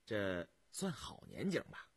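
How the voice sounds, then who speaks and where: A man voicing a calm young male prince who asks mild, measured questions in an audiobook. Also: fairly low pitch, gravelly, husky, no room sound, clean studio sound, pitched below the performer's own voice, exaggerated voice.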